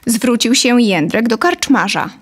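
Breathy at the edges and a little high, this woman's voice is animated, and she keeps a measured pace. She is in her thirties, reading a scripted story as narrator up close to a boom-mounted studio condenser in a dark little indoor studio.

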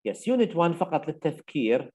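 A man's voice: a little high, sing-song, normal speed, a little mellow, slightly rough. Iraqi-accented older male teacher. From Iraq. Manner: explains step by step, repeating key phrases. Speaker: English teacher. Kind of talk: university lecture.

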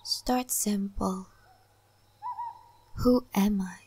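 Soft-spoken and half-whispering, a woman voices the mysterious, calm, and wise guide of a spirit forest for an ASMR roleplay. She pauses often and sounds gentle and musing, her breathy whisper set at medium pitch against some background noise.

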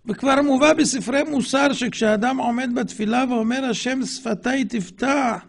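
A man giving a religious lecture as a rabbi, fiery and mocking, firing rhetorical questions and swinging between loud outbursts and low murmurs. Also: husky.

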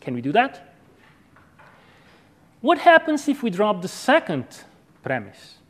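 A man with a fairly high voice lectures on an academic argument. He sounds measured and didactic, setting out each step and checking in briefly as he goes. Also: huge pitch swings, fairly bright tone. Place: university lecture room with chalkboard. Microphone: clip-on lapel microphone.

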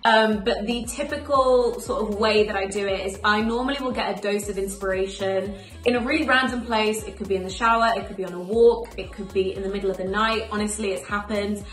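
The voice is medium-pitched with fairly even intonation, heard in an echoey room. A young singer who grew up in Spain, newly emerging, she's interviewed in a small bright room indoors, answering to camera about her music in a casual, upbeat, chatty way and listing things quickly.

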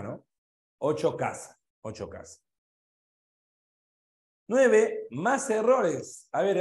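A man's voice: high voice, dark tone. A man with a Peruvian Spanish accent teaching an online exam review class. He goes through the answers item by item and quizzes his students as he goes. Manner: checks answers item by item, asks students questions. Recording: echoey room.

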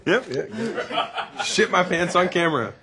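A man's voice: sits high, expressive, measured pace, crowd noise. A man joking around between takes, playful and prone to giggling. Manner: giggly, playful, breaks into laughter. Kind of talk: joking behind-the-scenes chatter.

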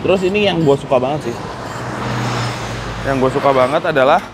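A young man hosting a casual motorcycle walkaround, excitable and slangy, talking outdoors in a garage courtyard on a lapel mic. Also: fairly high pitch, brisk, noisy background. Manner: excitable, slangy, thinking aloud. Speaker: motorcycle vlog host.

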